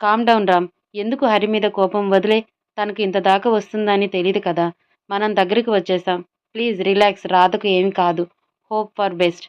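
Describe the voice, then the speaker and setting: A woman reading a story aloud, voicing a calm male police inspector who talks others down. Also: medium pitch, moderate pace, smooth, highs cut off, close to an everyday voice. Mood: soothing.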